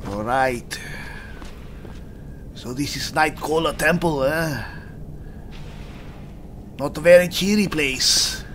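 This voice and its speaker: A man's voice: on the high side, takes it slowly, long pauses, fairly bright tone, slight background noise. A man voicing a blunt, simple, easygoing barbarian adventurer in a video game role-play, casual and folksy, often ending questions with "eh". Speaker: player of the game. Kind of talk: in-character video game playthrough.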